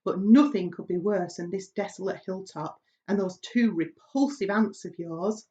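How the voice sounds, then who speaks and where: A woman voicing a kind, gentle female ladybird in a storybook, confiding and assured. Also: medium pitch, moderate pace, muffled recording, close to an everyday voice. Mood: firm.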